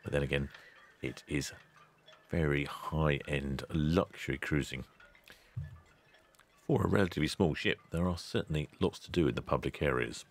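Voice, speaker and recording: Host VO: very low male voice, casual and wry, cheery sign-offs. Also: moderate pace, long pauses. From England. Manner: chatty, dry asides, loud cheery greetings. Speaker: ship-spotting channel host. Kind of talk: relaxed voice-over narration.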